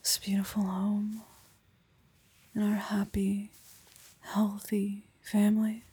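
A woman playing an affectionate young wife and mother, speaking softly and intimately, often in a whisper, in an ASMR roleplay close to the mic. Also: mid-range voice, completely flat delivery, takes it slowly. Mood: tender. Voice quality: breathy. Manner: soft, intimate, often whispered, with small laughs. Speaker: roleplay performer. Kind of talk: soft-spoken ASMR roleplay.

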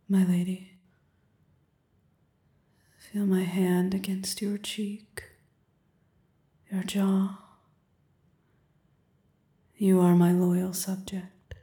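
A woman playing a commanding, seductive queen, speaking slowly and imperiously and often dropping to a whisper. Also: fairly low pitch, level tone, dark tone. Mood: regal, commanding. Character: commanding, seductive adult queen on her throne. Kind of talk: audio roleplay. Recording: roomy echo.

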